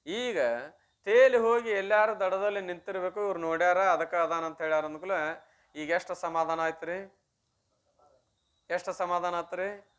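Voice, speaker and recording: A man with a fairly high voice gives a religious discourse in a North Karnataka Kannada accent. He tells a teaching story in a homely, conversational way. He often throws questions to the listeners and then answers them himself. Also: a bit bright. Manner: acts out the story's dialogue. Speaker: swami giving a religious discourse.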